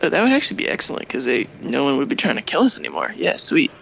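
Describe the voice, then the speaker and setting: A man's voice: a little high, big pitch swings, very fast, gravelly, a bit bright, a little hiss or hum. A man playing a tabletop game, talking in a chatty, questioning way with casual slang. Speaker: player.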